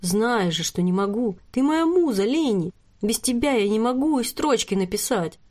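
A woman reading the lines of a smooth-talking, manipulative young male star in an audiobook, in a soft coaxing manner. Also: fairly high pitch, lively intonation, normal speed. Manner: coaxing, murmuring.

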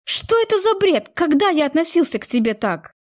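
A woman's voice: high-pitched, sing-song, fairly quick, voice pushed up. Woman reading a stern, scolding young soldier. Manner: scolding, moralizing tone. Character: young man, soldier, stern and reproachful boyfriend.

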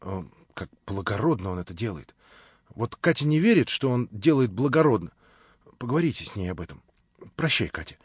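Naive young man, read by a male narrator; plaintive, rambling, a bit lower and softer than the narration. Dry, dull-ish audio. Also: sing-song, fairly quick, slightly rough, no room sound.

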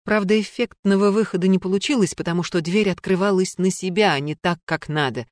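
A woman narrating a story in an even, measured audiobook style. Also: mid-range voice, dry recording, clean studio sound.

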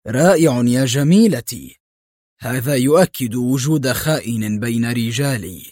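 A man's voice: mid-range voice, moderate pace, darkish tone, no echo, clean studio sound, close to an everyday voice. A man voicing a wary, hot-tempered male drug-gang boss who talks in a tense, guarded way.

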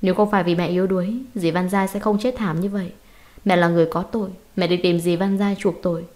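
A woman's voice: on the low side, steady tone, fast talker, a little mellow, lightly acted. A woman reading as a dying, guilt-ridden mother. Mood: remorseful.

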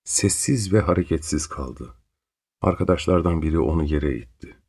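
A man reading a story aloud in a slow, grave and intense manner. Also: rumbling low, animated, gravelly, a little mellow, breathy edge. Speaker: narrator. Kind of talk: dramatic audiobook narration.

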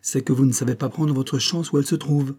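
Man voicing a self-assured, teasing young wife in a storybook; warm, husky tone, brisk and a little mocking. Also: medium pitch, fairly even intonation, pitched above the performer's own voice.

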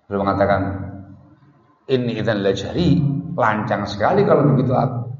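A man's voice: fairly low pitch, animated, brisk. A man giving a religious lecture, telling a story and often repeating words and Arabic phrases for emphasis. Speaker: Islamic preacher. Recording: muffled echoey hall recording.

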